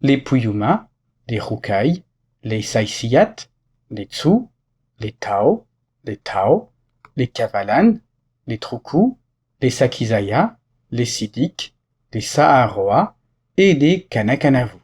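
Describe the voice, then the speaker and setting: A man delivers a scripted French lesson, carefully explaining words and reading example sentences. His voice is a little husky. His pitch rises and falls with lively movement. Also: slow, pauses often. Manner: clear, didactic explanation with example phrases. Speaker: French teacher.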